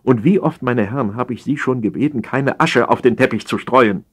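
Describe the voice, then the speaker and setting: A man's voice: on the high side, big pitch swings, normal speed, darkish tone, slightly rough, pitched above the performer's own voice. A man voicing a harried, nagging empress who complains about her household. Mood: lamenting. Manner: scolding, complaining. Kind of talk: audiobook character voice.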